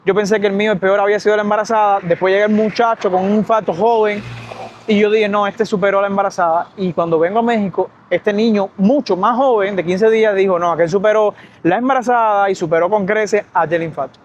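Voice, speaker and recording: Young Cuban man, quick storyteller on a walk outdoors, high voice, slightly dull audio. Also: a little hiss or hum. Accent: Cuban Spanish. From Cuba. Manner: fast, lively storytelling. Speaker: doctor and vlogger. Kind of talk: storytime vlog. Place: outdoors by a street, walking.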